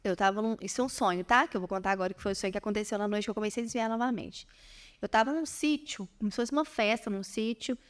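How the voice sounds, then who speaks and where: Young mineira woman telling her church testimony, high voice, earnest storyteller. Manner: earnest storytelling, addresses listeners as "gente". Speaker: podcast guest. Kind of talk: emotional personal testimony.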